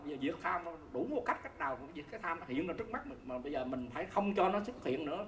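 A teacher speaks at a middle pitch in a roomy, echoing space with a faint hiss behind the voice. The talk is conversational, often asking listeners whether they see the point. The teacher chuckles easily while explaining. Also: a bit bright. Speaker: Buddhist dharma teacher. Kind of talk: conversational dharma talk to an audience. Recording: roomy echo with faint background noise.

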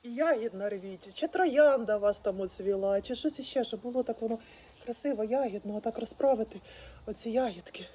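A woman talking casually and with great excitement straight to her viewers, full of exclamations. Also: on the high side, brisk, husky. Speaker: vlogger arranging flowers. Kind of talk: casual how-to chat. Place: outdoors at home, birds nearby.

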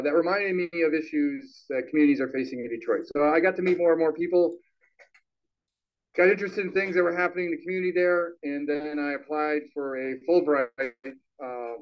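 A man giving a relaxed, conversational public talk into a handheld microphone in a small meeting hall. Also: a little high. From Chicago, Illinois. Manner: relaxed, conversational, laughs easily. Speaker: guest lecturer, sociology professor. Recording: dull lo-fi sound.

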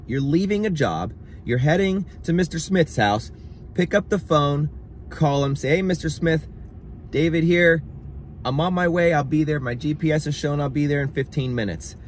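Sitting in his parked car with his phone on the dashboard, a handyman in his thirties gives contractors emphatic, exasperated advice for a casual vlog. His voice is on the high side and animated, at a moderate pace, with slight hiss or hum.

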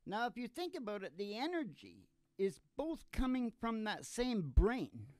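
Speaking a little slowly, the older podcast host and country singer, not yet eighty, has a high voice with a darkish tone and wildly swooping pitch. He delivers rambling, folksy comic musings into a stand-mounted vocal mic on a small curtained studio stage. The recording is dry and studio quality.

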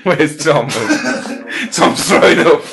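A man's voice: on the high side, slow, gravelly. A man casually bantering and swearing as he hosts from behind the camera, teasing his friends. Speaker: cameraman and host of a friends' chilli challenge. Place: indoors in a small house. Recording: noisy handheld camera in a room.

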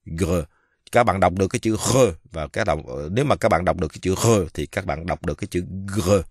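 Deep-voiced man teaching French pronunciation. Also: gravelly, a little mellow, no echo, clean studio sound. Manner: slow, halting, many fillers, repeats French words drawn out. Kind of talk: casual pronunciation lesson.

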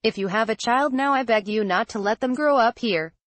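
Woman, news voice-over, even flat reading, dry close recording. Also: on the high side, brisk, no room sound. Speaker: news reader. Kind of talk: scripted news narration.

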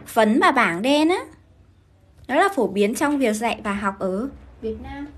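A Vietnamese woman who teaches English runs a live-streamed grammar lesson, briskly keeping viewers engaged by repeatedly asking them to confirm as she goes. Her voice is on the high side and expressive, with a little hiss or hum in the recording.

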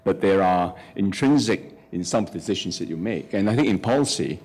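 A middle-aged man on a conference panel, speaking into a table mic, explaining policy in a measured way with frequent hesitations. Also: deep voice, expressive, a little mellow, husky. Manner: measured, explanatory, many fillers and restarts. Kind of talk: academic panel discussion. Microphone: table microphone.

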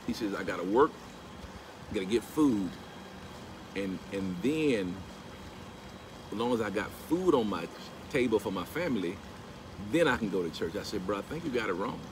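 A middle-aged man with a fairly low voice tells a story at a moderate pace, pausing often, into a phone camera held at arm's length outside by a pool at a house. He is animated and breaks into emphatic preaching when quoting scripture, with steady background noise in this casual vlog.

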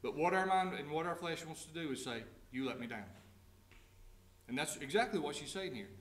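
A man delivering a sermon in a church sanctuary, his fairly high voice ringing off the walls of a reverberant room. He reads scripture at a slow, measured pace, then retells it in plain everyday words and puts direct questions to the congregation. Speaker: pastor.

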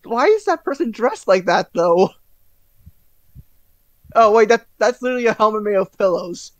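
A man's voice: high voice, animated, normal speed, dry recording. A man playing in a tabletop game, talking in a hesitant way with chuckles and frequent restarts. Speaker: player. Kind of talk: in-character tabletop play.

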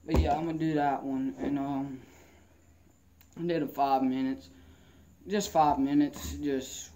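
In a rambling vlog shot mostly inside a wooden garage or shed with its door open, a young man chats casually with a warm, medium-pitched voice, steady tone, and measured pace. A lip full of dipping tobacco slightly muffles his speech, and the camera is held at arm's length.

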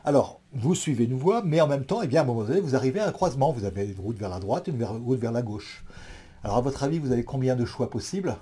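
A man lectures an audience in a very dark, mellow voice with a husky edge. He works through ideas thoughtfully, pausing often, hesitating and restarting his phrases as he goes. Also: medium pitch, expressive. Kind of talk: explanatory talk to an audience.

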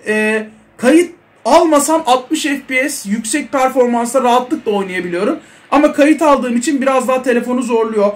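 A young man giving casual, excitable commentary over a mobile football game, chatting to his viewers. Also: very high-pitched. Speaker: mobile football gaming creator.

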